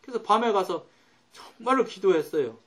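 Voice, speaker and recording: 설교하며 자기 경험을 이야기하는 중년 남성 목사로, 목소리를 크게 높였다가 갑자기 낮추며 말한다. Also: male voice, high voice, lively intonation, moderate pace. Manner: storytelling with sudden loud and soft swings. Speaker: pastor. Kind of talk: sermon.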